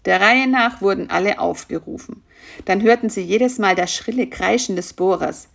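A woman reading a children's story aloud, calm and unhurried. Her voice has a gravelly, slightly fried edge, and she narrates softly. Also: medium pitch. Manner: calm, slow, soft narration.

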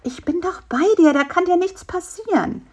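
A woman's voice: very high-pitched, moderate pace, voice pushed up. A woman voicing a cheerful, cheeky male fly who keeps reassuring his friend in a children's story.

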